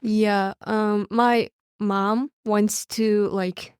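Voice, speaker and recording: A woman's voice: mid-range voice, level tone, extremely slow, a little mellow, smooth, no room sound, clean studio sound. A teenage exchange student from Mongolia with a Mongolian accent, talking hesitantly and searching for her words in a casual interview. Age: teens.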